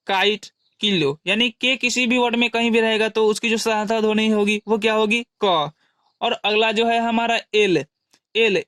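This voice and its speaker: High-voiced man teaching. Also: a bit bright, no room sound, studio quality. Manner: repeats questions and answers them himself; spells out example words slowly. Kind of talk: classroom-style explanation.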